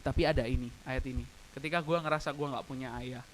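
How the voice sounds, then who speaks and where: A man's voice: medium pitch, steady tone, quick pace, fairly bright tone, a little hiss or hum, poor audio. A young man preaching a casual, personal youth sermon at an online church service, speaking in slang, slipping in English phrases and growing tearful at times. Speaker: youth pastor.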